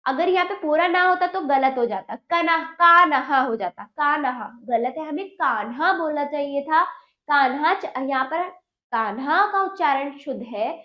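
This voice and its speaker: A high-pitched woman teaches young pupils, sounding each syllable out slowly and asking questions that she answers herself. The recording is roomy and echoey, with a slightly muffled tone. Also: expressive. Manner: slow, over-enunciated syllables for pupils. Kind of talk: Hindi grammar lesson for children.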